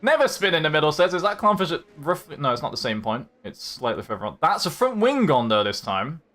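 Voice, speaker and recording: A man's voice: fairly high pitch, very animated, fast talker, bright, forceful tone. A young man hosting a live-streamed racing league, commenting on strategy and teasing his chat in a jokey, chatty way.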